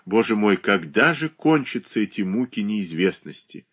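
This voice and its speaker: A man's voice: on the low side, sing-song, normal speed, a bit bright. A man doing a bitter, scornful young woman. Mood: anxious.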